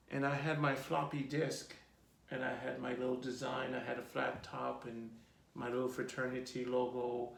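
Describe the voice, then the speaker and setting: A man in his fifties with a Jamaican accent, telling his life story in a relaxed, rambling interview with many ums. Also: medium pitch, gravelly. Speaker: host being interviewed by his daughter. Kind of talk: casual personal interview. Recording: echoey room.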